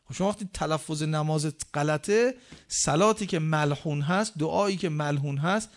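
A man preaching a sermon, full of rhetorical questions, with slow, measured recitation of scripture and strong swings in emphasis. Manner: emphatic swings in pitch and loudness.

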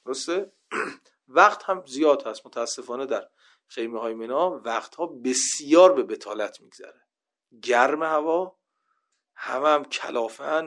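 A man of ordinary pitch delivers a religious lesson, talking through old narrations. He reads the Arabic lines aloud and then explains them in plain speech, raising his voice when he stresses a quoted line. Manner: lively storytelling, rising to loud emphasis when quoting. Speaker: cleric teaching a religion class. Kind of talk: religious lecture.

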